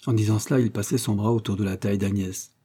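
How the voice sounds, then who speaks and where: Man, audiobook narrator, measured literary reading, very dark voice, husky. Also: lowish voice, fairly even intonation.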